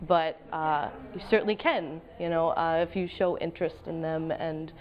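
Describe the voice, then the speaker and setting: American woman, slightly low register, conversational and reflective interviewee, halting delivery, muffled lo-fi audio. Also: steady tone. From Pennsylvania, United States. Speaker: professional photographer and project advisor. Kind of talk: informal interview answers.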